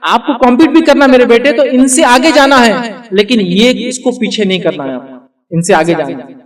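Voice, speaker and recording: High-voiced man giving an earnest talk. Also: moderate pace, far from the mic. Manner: earnest, asks the audience questions, mixes in English words. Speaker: Islamic speaker giving a parenting talk. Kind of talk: speech to an audience.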